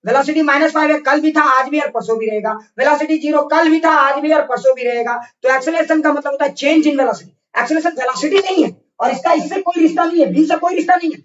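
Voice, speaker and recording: A man's voice: extremely high pitch, fast talker, few pauses, echoey room, far from the mic, lo-fi sound. A male physics teacher giving an online class lecture, drilling points over and over and scolding students with constant check questions.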